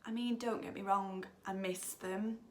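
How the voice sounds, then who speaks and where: In this monologue, a young adult actress from England speaks at a medium pitch with fairly even intonation and a measured pace, acting only lightly. Her character is a chatty, self-absorbed young woman newly out of home, and the piece moves through dramatic swings.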